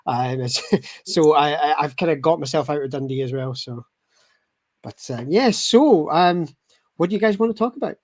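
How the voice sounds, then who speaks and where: A man's voice: fairly high pitch, lively intonation, normal speed, darkish tone, no echo. A Scottish man in his thirties, guest-hosting a casual podcast chat, joking and rambling with lots of fillers. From Scotland. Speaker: guest host.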